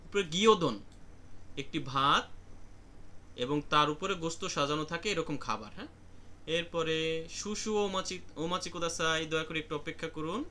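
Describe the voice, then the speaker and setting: A man's voice: on the high side, moderate pace, pauses often, pushed and bright, slight background noise. A man with a Bangladeshi accent teaching Japanese vocabulary in an online class, explaining each word and calling on students.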